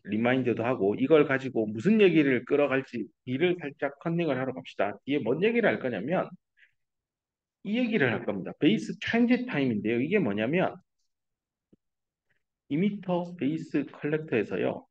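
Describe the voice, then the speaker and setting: A middle-aged man lecturing as a university professor, talking through each point in a relaxed, explanatory way. His voice sits at a middle pitch, and the lecture room recording sounds slightly dull and lo-fi. He drops English terms into casual asides. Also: normal speed.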